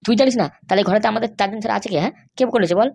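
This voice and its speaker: Brief: a woman playing an angry cartoon husband, rapid-fire threats, mid-pitched. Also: vocal fry. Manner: angry, threatening, shouting insults. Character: hot-tempered threatening young husband, Kittu. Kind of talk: cartoon voice acting.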